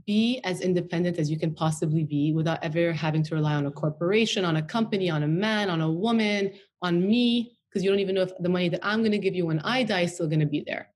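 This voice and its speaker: This woman's voice sits low and carries a darkish tone. A Washington DC native, she chats freely as an interview guest in a relaxed conversation, leaning heavily on filler words such as "like" and "you know."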